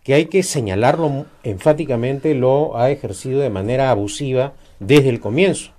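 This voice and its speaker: A man's voice: mid-range voice, normal speed, a little mellow. A man, giving emphatic, critical political commentary in a discussion, with frequent "eh" fillers.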